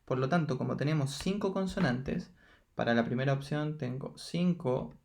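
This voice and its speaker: Speaking at normal speed in a medium-pitched, creaky, slightly mellow voice, a man works through math exercises in Chilean Spanish for a recorded lesson. He counts each step aloud patiently and checks in with his students, while a little hiss or hum sits in the background.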